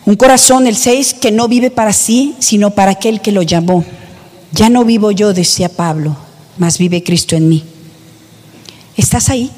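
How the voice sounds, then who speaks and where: A woman's voice: medium pitch, moderate pace, a little mellow. Woman preaching in a reverberant hall. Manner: emphatic, rhetorical questions to the congregation. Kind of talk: sermon.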